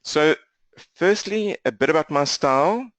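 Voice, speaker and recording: A man with a strong South African accent, speaking fast and energetically as he leads a live online training session from his laptop. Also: fairly high pitch, dry recording. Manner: fast-talking, energetic, interactive. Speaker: business coach for accountants. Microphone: laptop mic.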